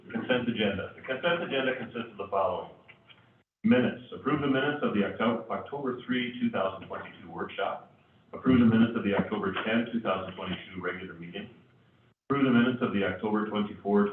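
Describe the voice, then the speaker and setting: A man chairing a formal meeting in podium-speech manner, reading out procedural business. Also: fast. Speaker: presiding council chair. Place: city council chambers. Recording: boomy echoey hall, distant, tinny, faint noise.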